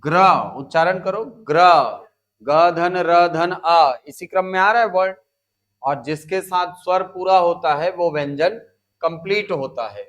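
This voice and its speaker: A man's voice: high-pitched, normal speed, a bit bright. A male teacher from India giving a classroom lecture, spelling out words and counting aloud step by step, coaxing students along with short prompts.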